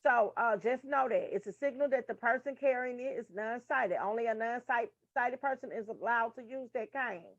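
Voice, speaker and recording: A woman's voice: on the high side, normal speed, few pauses, no room sound. A woman teaching nursing material in a casual, frank style, full of profane asides to her listeners. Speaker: nursing tutor. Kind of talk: casual study lesson. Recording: dull lo-fi sound.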